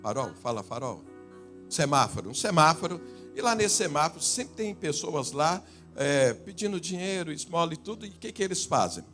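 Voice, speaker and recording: A Brazilian-accented male pastor preaching in a high, very lively voice that climbs and drops. He tells stories, shifting from loud emphatic lines to low asides, with soft music under him. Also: moderate pace. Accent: Brazilian Portuguese. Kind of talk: sermon. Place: church.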